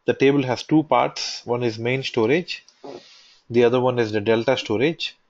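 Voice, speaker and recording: A man talks through a software tutorial at a middling pitch, restating each point step by step. The recording is dull and lo-fi, with faint clicking behind him. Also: fairly even intonation, moderate pace. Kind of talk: screen-recorded technical walkthrough.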